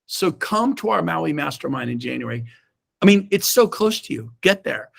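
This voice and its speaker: A middle-aged man giving a fired-up motivational talk to his real estate team over a video call. He is emphatic and swings from shouts to low asides. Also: very animated, normal speed, gravelly. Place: indoors, own room on a Zoom call.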